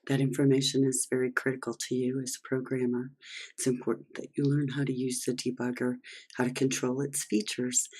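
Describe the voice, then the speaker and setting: Programming instructor, hoarse, husky tone, step-by-step explaining, screencast lesson. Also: mid-range voice, fairly quick. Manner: steady step-by-step explaining, talking through actions on screen. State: losing voice, hoarse. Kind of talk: screen-recorded coding lesson.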